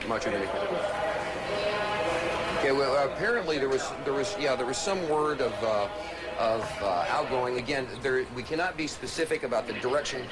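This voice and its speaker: A male correspondent delivers an unscripted live news report. His phrasing is halting and repetitive, and very loud background noise surrounds him. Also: mid-range voice, expressive. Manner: halting, repeating himself, hedged reporting. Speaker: television war correspondent. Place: outdoors at a hotel. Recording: very noisy live outdoor broadcast. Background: loud noise, air raid sirens.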